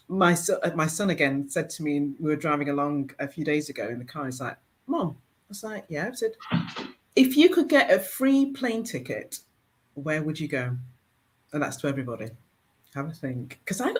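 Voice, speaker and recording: A woman hosting a casual talk show, laughing and telling loose stories. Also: fairly low pitch. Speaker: host. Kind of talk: casual chat.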